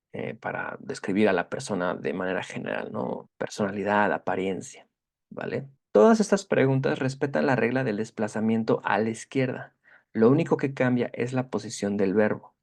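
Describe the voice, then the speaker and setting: Gravelly-voiced man teaching a grammar lesson. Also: medium pitch, a little mellow. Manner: explains patiently, checks in with "¿ok?" and "¿vale?"; reads English examples slowly and carefully. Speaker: English teacher. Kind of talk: Spanish-language grammar lesson.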